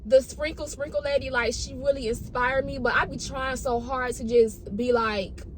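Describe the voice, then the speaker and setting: Casting: woman, higher voice, chatty dramatic storyteller, slangy delivery, noisy recording. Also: normal speed. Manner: animated, dramatic, slangy, repeats phrases for emphasis. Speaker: storytime vlogger. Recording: noticeable background noise.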